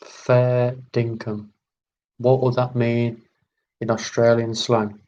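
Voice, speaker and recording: Hosting a live online quiz, a man moves at an unhurried pace, reading each question carefully and repeating every term several times. His pitch is an ordinary middle range, his delivery flat, and his tone dark, with the high frequencies cut off.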